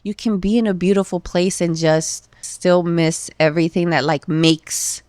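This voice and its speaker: With a fairly low, darkish voice, this Los Angeles woman in her thirties speaks unhurriedly and in a steady tone. She's a guest in a casual podcast interview, sharing candidly and emotionally while filling her speech with filler words. The studio sound is clean and dry.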